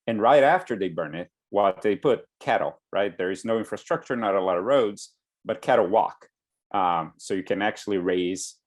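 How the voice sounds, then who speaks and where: Very low-voiced Brazilian man presenting. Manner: hesitant, many fillers and restarts. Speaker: guest speaker. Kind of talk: online class presentation. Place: home in Brooklyn.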